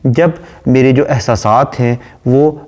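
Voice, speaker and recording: A man, lecturing on a poem and explaining it line by line, reading the verse slowly. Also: medium pitch, a little mellow. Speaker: literature lecturer.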